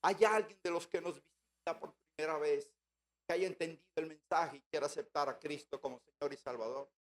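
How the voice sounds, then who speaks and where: A man with a notably high voice tells his conversion story to a church gathering. He speaks as a storyteller and repeats words and phrases for emphasis. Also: fairly quick. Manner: storytelling, acting out remembered dialogue. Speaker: church member giving a testimony.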